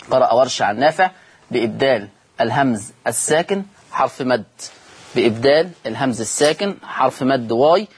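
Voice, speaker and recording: A man with an Egyptian Arabic accent teaching Quran recitation in a televised lesson, repeating points slowly and putting questions to his listeners. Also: mid-range voice, husky.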